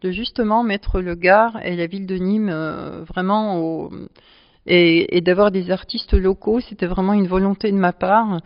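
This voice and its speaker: A woman's voice: medium pitch, fairly even intonation, a little slow, no echo. Hesitant woman explaining her charity work. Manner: explanatory, speaks at length with frequent hesitations. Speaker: charity club president. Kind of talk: interview answers. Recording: dull lo-fi sound.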